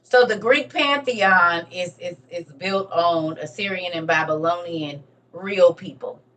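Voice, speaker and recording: Somewhat off-mic and recorded from a distance, a woman with a lowish, fairly bright voice speaks unhurriedly. Emphatic and repetitive, this online teacher of religion and history reads and teaches at the same time in a casual lecture to viewers.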